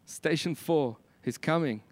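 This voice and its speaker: A male preacher with a South African Afrikaans accent and a notably high voice delivers a sermon a little slowly. He is emphatic, relying on repetition and rhetorical questions. The sound is dry and close, with no room sound.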